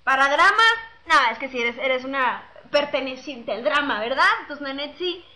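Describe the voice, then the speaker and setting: High-voiced young Mexican woman chatting. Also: animated, normal speed, pushed and bright, a little hiss or hum. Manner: chatty, slangy, reads out fan messages. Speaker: singer chatting with fans. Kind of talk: casual webcam chat, telling jokes and singing. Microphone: webcam mic.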